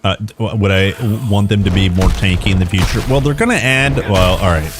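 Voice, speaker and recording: A man's voice: fairly low pitch, a little fast, faint music behind. A man streaming a game live, chatting casually in an informal, enthusiastic, rambling way.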